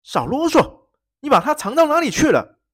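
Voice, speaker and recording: A storyteller voicing a cunning, fierce gentleman thief who threatens and shouts. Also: medium pitch, very animated, unhurried, dry recording, studio quality, voice pushed up. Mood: furious. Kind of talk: storybook reading.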